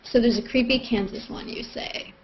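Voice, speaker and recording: Hosting a casual live group chat on a web video call, this woman has a steady voice on the high side and talks at normal speed. Her manner is playful, with frequent laughter, though the call audio is dull and noisy.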